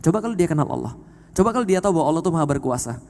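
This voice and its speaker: A man giving an animated sermon to an audience, often asking them questions and swinging from soft to loud. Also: fairly high pitch, racing, big-room sound. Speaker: preacher.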